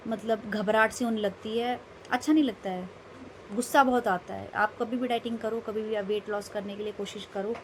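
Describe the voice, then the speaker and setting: A woman's voice: mid-range voice, fairly even intonation, a little fast, slight background noise. A young woman vlogging casually, telling a rambling, emphatic story about her day. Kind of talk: casual vlog monologue.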